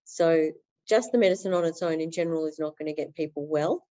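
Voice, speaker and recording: A woman's voice: low-pitched, fairly quick, mellow, dull audio. A woman talking earnestly as a podcast guest in a flowing interview, with many fillers. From Australia. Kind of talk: interview conversation.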